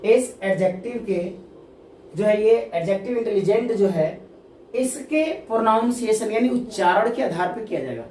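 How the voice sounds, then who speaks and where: A woman teacher giving a classroom-style grammar lesson, asking questions and answering them herself, repeating key terms and reading example sentences slowly. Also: mid-range voice, expressive, darkish tone. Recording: echoey room, distant mic, faint noise.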